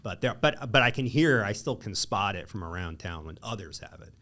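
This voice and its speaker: A man's voice: fairly low pitch, expressive, brisk, bright, forceful tone. A middle-aged man from the New Orleans area hosting a podcast, talking casually in a rambling way with lots of filler words and restarts. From greater New Orleans area. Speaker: podcast host.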